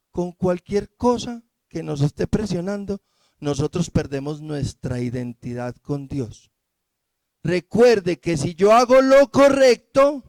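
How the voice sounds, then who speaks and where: A man with a Colombian accent preaching a lively sermon to his church, acting out Bible characters in quick asides. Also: high voice, no room sound. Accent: Colombian Spanish.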